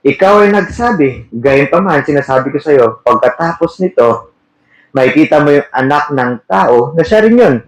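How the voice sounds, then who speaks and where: A man's voice: a little high, expressive, moderate pace. A man preaching a sermon, reading verses and asking his listeners questions, mixing English terms into his talk. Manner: asks the audience questions, switches between Tagalog and English terms. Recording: echoey room.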